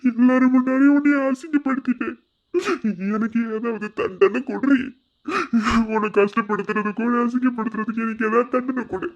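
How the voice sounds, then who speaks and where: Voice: mid-range voice, fairly even intonation, fairly quick, lightly acted. A performer voicing a remorseful young village husband in a cartoon, pleading and self-blaming, with a Madurai Tamil accent. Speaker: cartoon character. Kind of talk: emotional cartoon drama dialogue. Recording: dull lo-fi sound.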